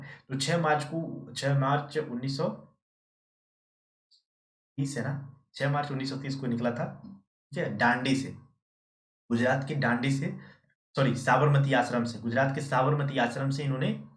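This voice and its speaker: Man running a live quiz lesson. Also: mid-range voice. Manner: asks questions and answers them himself; answers viewers by name. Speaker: quiz teacher. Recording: echoey room, distant mic.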